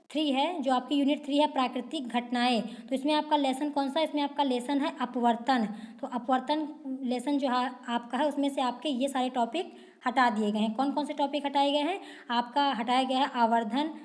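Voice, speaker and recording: A woman's voice: sits high, a little mellow. A woman teacher going through a school syllabus for students, asking questions and answering them herself. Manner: repetitive rhetorical questions, answered at once.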